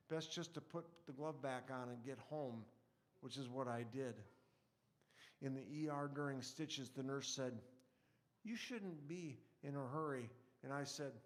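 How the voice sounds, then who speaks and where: A man reading aloud a reflective personal story in a wry, conversational way. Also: medium pitch.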